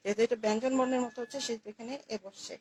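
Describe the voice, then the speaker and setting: A woman's voice: a little high, steady tone, racing, a little mellow, slight background noise, low-quality recording. A woman teaching English grammar to young students, patiently repeating key words and answering her own questions. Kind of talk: classroom lesson explaining articles.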